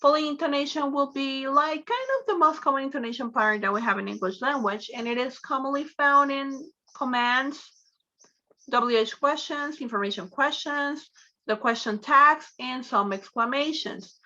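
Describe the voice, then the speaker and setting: Teacher lady on a video call, high bright voice, keeps nudging students, dull lo-fi sound. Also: normal speed. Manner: encouraging, prompts students with repeated questions. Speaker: English teacher. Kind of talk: online class lecture.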